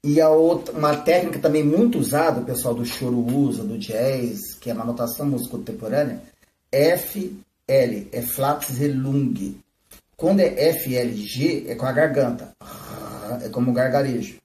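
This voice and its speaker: Man, flute teacher on a live stream, mellow voice, echoey room, mic a bit far. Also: mid-range voice, moderate pace, slight background noise. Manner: explains, often checking with "né?" and "tá?". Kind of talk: live-streamed music lesson. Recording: roomy, from a distance.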